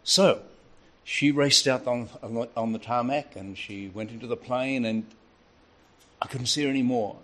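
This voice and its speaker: An older man preaching a sermon, telling a family story with a lively, varied delivery. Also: mid-range voice, normal speed.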